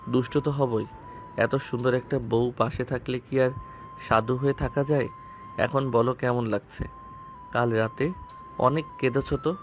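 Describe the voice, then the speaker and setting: An actor with a Bengali accent playing a devoted young husband who speaks softly and earnestly in an audio story. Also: male voice, medium pitch, fairly even intonation, a little slow, long pauses, faint music behind, natural voice. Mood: teasing. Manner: soft, earnest and tender.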